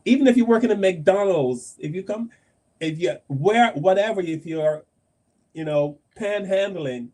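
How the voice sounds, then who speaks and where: A man's voice: fairly high pitch, darkish tone. A man from Barbados hosting a podcast panel, making a passionate, emphatic argument and repeating phrases for force. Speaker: host.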